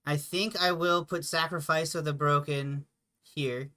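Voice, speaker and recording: A man's voice: fairly high pitch, fairly even intonation, unhurried, sharp tone. A man playing a tabletop wargame, thinking aloud and correcting himself as he decides moves. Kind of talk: casual game-table chat.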